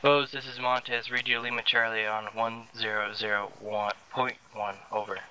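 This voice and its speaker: A man's voice: mid-range voice, level tone, normal speed, background noise. A man giving short military radio procedure calls as a trainee in an online game.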